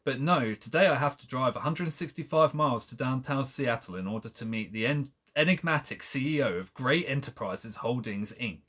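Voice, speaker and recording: A man's voice: mid-range voice, lively intonation, normal speed, few pauses, a bit bright. A man reading a novel aloud on a live stream, breaking off to mock the text with sarcastic asides and frequent laughter.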